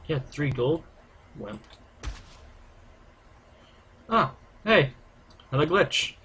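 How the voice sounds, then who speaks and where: A man's voice: a little high, expressive, very slow, bright, forceful tone, breathy edge. A man hosting a gaming video, giving casual let's-play commentary as he plays. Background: game sound.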